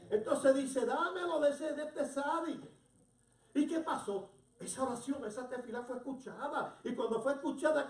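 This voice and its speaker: A preacher giving an animated sermon, telling a story and asking the congregation questions. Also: mid-range voice. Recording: roomy hall, distant mic.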